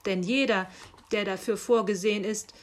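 A woman's voice: medium pitch, steady tone, moderate pace, close to an everyday voice. A woman reading aloud and voicing a grumpy, stubborn old Saint Nicholas who grumbles. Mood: grumbling. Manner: gruff grumbling delivery.

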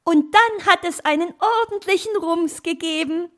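A woman's voice: very high-pitched, normal speed, voice pushed up. A woman voicing a small, cheerful blue bird in a children's audio story, laughing and cheeky. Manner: bright, laughing.

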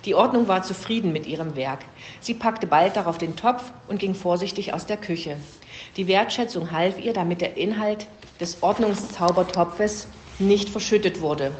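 A woman's voice: mid-range voice, normal speed, darkish tone, a little hiss or hum. A woman reading a fable aloud as storybook narration. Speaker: reader. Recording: roomy echo.

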